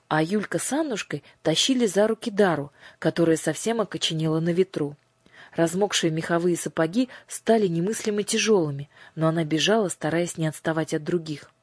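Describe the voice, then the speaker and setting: A woman narrating an audiobook in a measured, expressive storytelling manner. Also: lowish voice, slightly rough, dry recording. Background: faint music.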